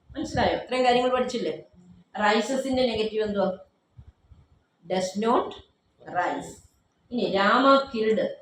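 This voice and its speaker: A woman's voice: medium pitch, darkish tone. A woman teaching grammar to a class, firmly quizzing students and repeating their answers back to them. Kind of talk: classroom drilling with questions. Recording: very echoey room, faint background noise.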